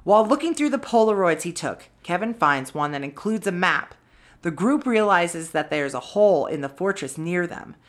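A woman's voice: lowish voice, animated, moderate pace. A woman co-hosting a podcast, casually recapping a film's plot, swearing freely and adding wry asides. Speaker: podcast co-host.

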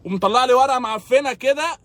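A man's voice: very high-pitched, fast talker, a bit bright, no echo. A man with an Egyptian accent, delivering a comedic monologue in an exasperated, sarcastic complaining tone. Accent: Egyptian Arabic.

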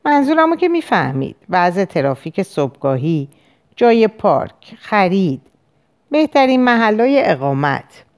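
A woman's voice: medium pitch, very animated, lightly acted. A woman reading as a hesitant male patient. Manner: hesitant, halting recollection. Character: anxious middle-aged male banker patient.

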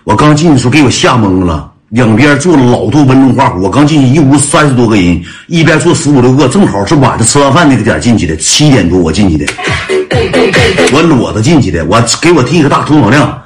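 Fast-talking Northeastern Chinese man, chatty. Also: mid-range voice, big pitch swings, soft background music. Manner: chatty, laughs while telling, calls out to listeners. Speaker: storyteller. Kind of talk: casual comic storytelling.

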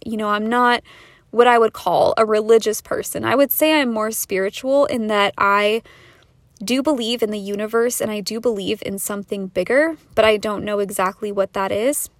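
A woman's voice: fairly high pitch, fairly bright tone, no room sound, studio quality. A young woman hosting a podcast, talking earnestly and casually with lots of fillers, a little out of breath. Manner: earnest, chatty, fillers like "like" and "you know". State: a bit out of breath from talking fast. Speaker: podcast host. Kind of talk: casual solo podcast monologue.

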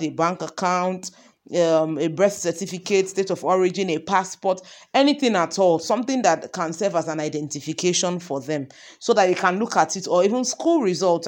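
Lady teaching, chatty and loose, lots of ums and you knows. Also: fairly low pitch. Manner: conversational, asks many example questions, frequent ums and you knows. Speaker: parenting course teacher. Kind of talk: informal lesson.

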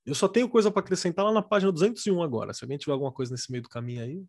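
A man's voice: a little high, rapid-fire, darkish tone, no room sound, studio quality. A man with a Brazilian Portuguese accent hosting a casual book discussion, colloquial and jokey.

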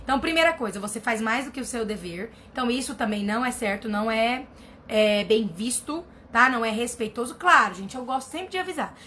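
Animated and fairly quick, this woman's voice runs fairly high, pushed and bright, with a touch of hiss or hum in the recording. As a family constellation therapist, she answers viewers' comments live and casually, giving blunt, emphatic advice and repeating herself for emphasis.

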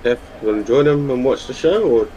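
A man's voice: mid-range voice, a little fast, mellow, highs cut off, a little hiss or hum. A man chatting casually as a player in a tabletop role-playing game.

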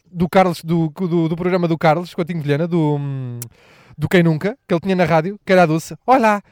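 A man's voice: high-pitched, a little mellow, dry recording, studio quality. A man with a European Portuguese accent, ranting crudely and rambling as a comedy podcast host, mocking people with impressions. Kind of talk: casual comedic podcast rant.

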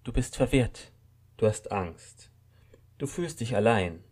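Speaking at a normal pace in a natural, lowish voice with a darkish tone, a man takes on the role of a stern armed rebel, a red-haired woman near thirty. She's in control, and her delivery is firm, cool, snippy, and commanding.

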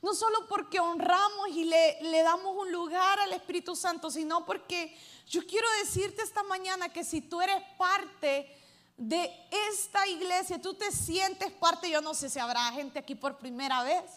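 High-voiced woman preaching a lively sermon. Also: a little slow. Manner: lively preaching, swings between loud calls and hushed asides. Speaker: pastor.

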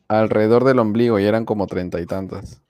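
A man's voice: on the low side, steady tone, quick pace, crowd noise. A young man speaking matter-of-factly in casual chat.

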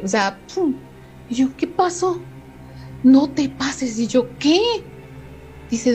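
A middle-aged woman with a Mexican accent tells a story in a relaxed chat. Her voice sits a little high, and she acts out each quoted line with lively changes of voice. Soft music plays faintly behind her. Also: rough recording.

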